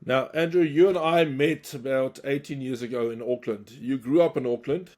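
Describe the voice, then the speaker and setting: At normal speed and in a mid-range, darkish voice, a podcast interviewer from South Africa chats easily with his guest. His questions come across as friendly and relaxed in this casual interview.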